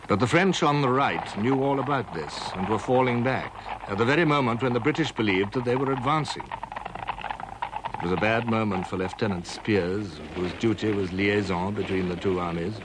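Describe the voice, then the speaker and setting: A man giving formal, measured, scripted narration for a documentary. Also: fairly low pitch, noisy background.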